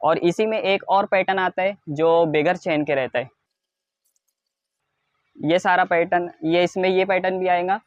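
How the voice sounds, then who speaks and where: Indian salesman's insistent pitch, dull dry sound. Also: fairly even intonation, unhurried, long pauses, dry recording. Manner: repetitive, insistent sales pitch stressing low prices. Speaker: wholesale clothing seller presenting stock. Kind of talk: product showcase sales talk to camera.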